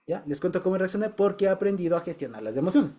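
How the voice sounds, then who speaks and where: A man's voice: sits high, animated, very fast, a crowd in the background. A man sharing a personal testimony in a small Bible study group, chatty and repeating himself, often checking that listeners follow.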